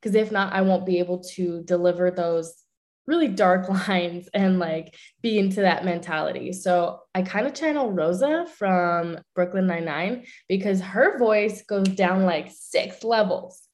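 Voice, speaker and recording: A young French actress, French being her first language, speaks with a French accent in a casual interview, talking candidly, swearing freely and going in quick bursts. She works as a voice actress and social media manager, and her voice is on the low side and a little mellow.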